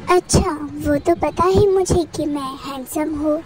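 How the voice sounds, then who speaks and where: A woman's voice: high-pitched, unhurried, very noisy. A woman voicing a rude, possessive male college professor who scolds and then dotes. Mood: doting. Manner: teasing and bossy, softening into doting. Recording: music playing under the voice.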